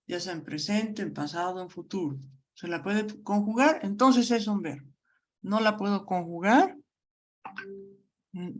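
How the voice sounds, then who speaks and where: Unhurried woman teacher, mid-pitched, patient check-ins with students. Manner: slow, patient explaining with frequent check-ins. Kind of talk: online grammar lesson.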